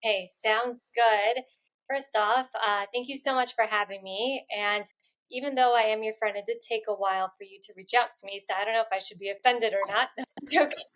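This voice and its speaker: A woman from Poland, raised elsewhere, talking casually as a podcast guest in a relaxed, joking, conversational way. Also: on the high side, brisk, low-quality recording. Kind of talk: casual interview chat.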